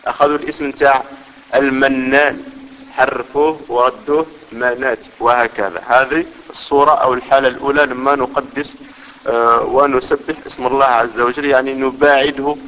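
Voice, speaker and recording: A man's voice: mid-range voice, fairly bright tone. Guy teaching a religious class, keeps asking if you got it, dull muffled sound, long echo. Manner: explanatory, often checks understanding. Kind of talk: religious lesson. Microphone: microphone. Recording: dull reverberant hall recording.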